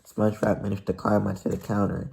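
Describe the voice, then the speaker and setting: A man's voice: lowish voice, monotone, fast talker, vocal fry, a little mellow. A man reading a children's novel aloud who stumbles and restarts now and then. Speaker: reader of a novel.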